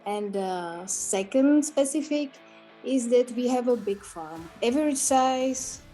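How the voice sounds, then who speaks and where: A woman from the Republic, a journalist speaking carefully with halting fillers over a video call. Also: fairly high pitch, expressive, warm tone, soft background music, rough recording. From Czech Republic. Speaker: farm magazine journalist.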